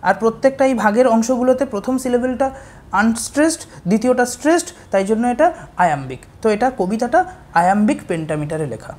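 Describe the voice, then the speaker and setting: A woman's voice: fairly high pitch, animated, fast talker, darkish tone, slight background noise. A woman teacher patiently explaining poetic meter step by step, checking often that students follow. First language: Bengali.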